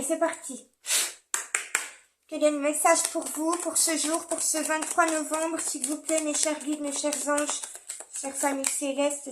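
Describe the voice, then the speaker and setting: Slow-talking, high-voiced woman card reader. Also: noisy background. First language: French. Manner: chatty, rambling, with frequent fillers and little laughs. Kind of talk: casual spoken card reading.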